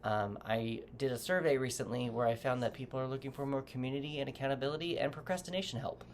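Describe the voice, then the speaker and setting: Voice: medium pitch, steady tone, quick pace, slight background noise. A tarot reader giving a casual reading to camera, loose and rambling, often correcting themself while advising the viewer directly. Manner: gently advising, speaking straight to the viewer.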